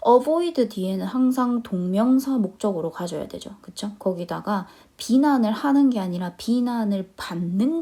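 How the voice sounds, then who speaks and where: A young adult woman teaching an online lecture, reading phrases slowly and explaining them quickly with frequent checking questions. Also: mid-range voice, mellow. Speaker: English teacher.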